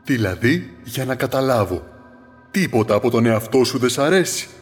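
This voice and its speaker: A man voicing a lively, playful fallen star in a children's audio story, teasing and then encouraging. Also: mid-range voice, faint music behind, lightly acted. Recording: long reverb.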